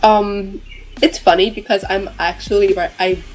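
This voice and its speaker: A woman's voice: medium pitch, fairly even intonation, normal speed, soft background music, poor audio. A woman author who stutters heavily, with repeated sounds and blocks, talking casually in an interview.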